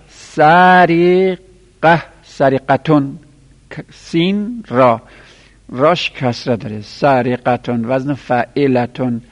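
A man teaching a class, counting out items one by one and spelling their letters slowly for students to write down. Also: mid-range voice. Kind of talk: classroom lesson dictating Arabic verbal nouns. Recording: lo-fi recording in a reverberant room.

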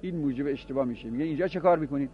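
Man teaching a grammar lesson, lo-fi. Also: fairly high pitch. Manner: explains by repeating examples and asking questions.

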